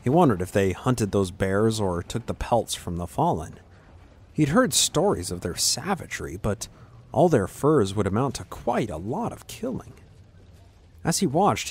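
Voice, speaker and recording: A man reads scripted fantasy fiction in a measured, dramatic storytelling style, pausing deliberately. His mid-range voice is a little mellow and slightly rough.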